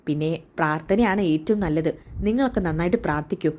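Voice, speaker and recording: A woman voicing a calm male doctor who speaks in a measured, grave way. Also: fairly low pitch, pitched below the performer's own voice, lightly acted.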